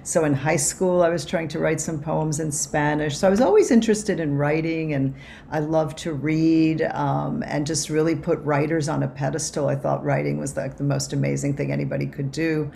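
A woman from Cuba, an author and anthropologist, answering interview questions over a video call in a reflective way with many pauses and restarts. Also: low-pitched, steady tone, creaky, dark tone, a little hiss or hum. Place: home office.

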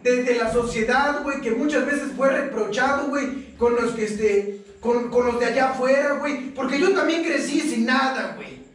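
A man's voice: very high voice, normal speed. A young Mexican man giving a raw, slangy, profane and emotional personal testimony at a recovery meeting. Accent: Mexican Spanish. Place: meeting hall. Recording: echoey room, distant mic.

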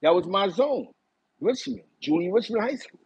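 Speaking at normal speed in a husky voice that sits high, this New York-accented host from East Harlem reminisces animatedly for a live chat, talking with his hands. He's middle-aged and broadcasting casual stories from a small, bright room. The audio is dry and rough.

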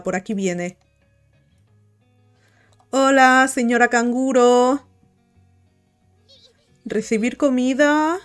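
A woman giving casual gameplay commentary, cooing and chatting to the game characters. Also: on the high side. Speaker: gaming video host. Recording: light music behind.

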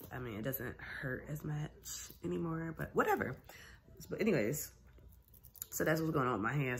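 A young female vlogger sits in an armchair in a small room at home, talking candidly to her phone camera held at arm's length. Though tired and recovering from a sinus infection, she tells her story in an animated way, laughing as she goes, in a bass voice.

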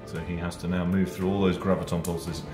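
A man's voice: deep voice, little pitch movement, fairly quick. A man explaining game rules in casual chat, hesitant with many fillers. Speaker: tabletop wargame opponent. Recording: echoey room with loud music. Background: background music.

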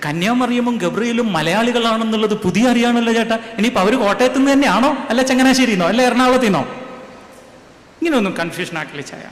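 Man preacher, higher voice, pushes the congregation to answer him, reverberant hall. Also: quick pace. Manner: rhetorical questions, urging the crowd to answer aloud. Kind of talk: sermon to a congregation. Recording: echoey hall with faint ambience.

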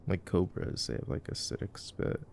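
A young man does ASMR boyfriend roleplay, commenting casually on a film in a murmured, laid-back, joking way. His tone is darkish and his speed normal, with a little hiss or hum in the recording.

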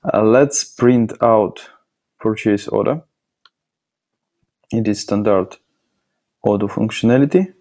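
Man, low voice, hesitant fillers, step-by-step demo narration. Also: slow pace, pauses often, mellow. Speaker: software demonstrator. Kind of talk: screencast product demo narration.

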